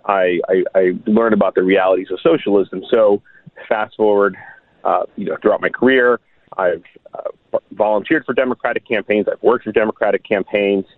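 Low-voiced man on a tinny phone line. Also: steady tone, no echo. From Miami, United States. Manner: earnest, halting, many restarts and fillers. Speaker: guest writer. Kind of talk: radio interview over the phone.

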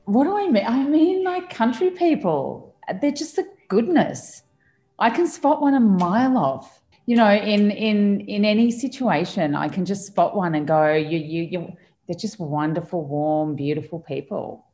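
A middle-aged Australian woman chatting as a podcast guest, animated and stumbling over restarts. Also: medium pitch, a little slow. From Australia (Victoria). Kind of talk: casual podcast interview.

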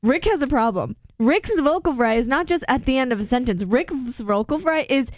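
Higher-voiced woman on a podcast, blunt and opinionated, laughs a lot, dry close sound. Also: lively intonation, a little fast, no room sound. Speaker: podcast co-host. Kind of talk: casual chat recapping a reality show.

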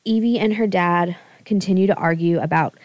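A woman with a lowish voice recaps a novel for her podcast audience. She moves briskly through the plot in a casual, amused way. The sound is dry and close, with no room around her. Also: a little mellow, dry recording. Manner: brisk plot summary with laughs. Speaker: podcast co-host. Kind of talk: book recap, casual chat.

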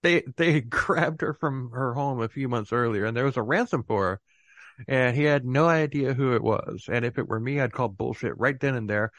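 A man's voice: medium pitch, normal speed, a bit bright, no room sound. A man hosting a podcast in casual chat, laughing often as he talks. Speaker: podcast host.

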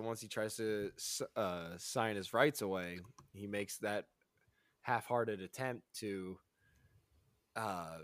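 A man's voice: lowish voice, dry recording. A man co-hosting a casual chat, rambling, stuttering and laughing as he talks. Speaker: podcast co-host. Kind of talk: casual chat reviewing a show.

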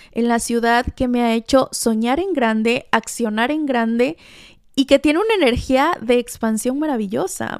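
A woman speaks in a resonant, polished voice that sits a little high. She talks enthusiastically and directly to the listener in a motivational spiritual monologue. The sound is close and dry, with no room around it. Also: smooth, dry recording. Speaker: podcast host.

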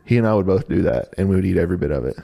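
Low-voiced easygoing podcast man. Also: lively intonation, very fast, vocal fry, dark tone. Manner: easygoing storyteller. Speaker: podcast co-host, coach. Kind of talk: casual chat.

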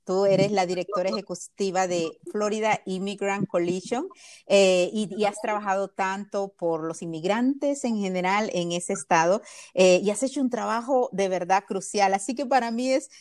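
A woman's voice: mid-range voice, a little mellow. A woman hosting an interview, introducing her guest with enthusiasm. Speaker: interview host. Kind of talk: podcast interview.

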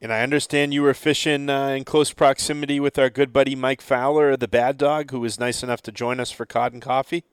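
A man's voice: mid-range voice, level tone, fairly quick, few pauses, smooth, no room sound, studio quality. A man hosting a fishing podcast, interviewing guests in a conversational way. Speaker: podcast host.

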